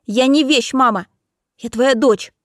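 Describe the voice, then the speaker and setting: Woman doing a young heroine, defiant, trembling, fairly high voice, dry. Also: unhurried, fairly bright tone, no room sound. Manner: trembling, indignant outbursts. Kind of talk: audiobook character reading.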